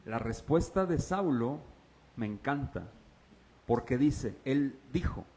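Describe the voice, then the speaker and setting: A pastor delivering a sermon, moving between hushed, low passages and raised, excited exclamations while addressing the congregation directly. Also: male voice, takes it slowly.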